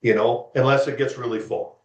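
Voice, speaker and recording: A man's voice: medium pitch, fairly even intonation, fairly quick. A man speaking as an interview guest in casual chat, rambling and repeating himself often. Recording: roomy, dull lo-fi sound.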